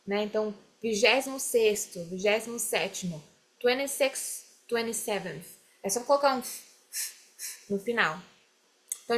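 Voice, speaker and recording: A woman teaching English, explaining phrases slowly and having students repeat them. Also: fairly high pitch, a bit bright. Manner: drills phrases slowly, mixes English lines into Portuguese explanation. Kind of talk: classroom explanation.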